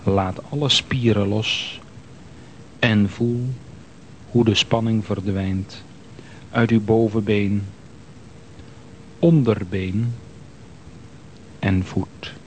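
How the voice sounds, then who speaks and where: Man, relaxation guide, slow soothing instructions, lowish voice, faint rumble. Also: fairly even intonation. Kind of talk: guided progressive muscle relaxation.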